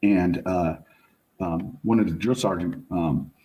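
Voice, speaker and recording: Middle-aged male guest, storyteller, slangy and animated, warm dark tone, roomy sound. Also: low-pitched, takes it slowly, dull audio. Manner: animated, slangy, says "like" and "bro" often. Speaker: guest, fire service chief officer. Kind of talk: casual storytelling in podcast interview. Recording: roomy echo.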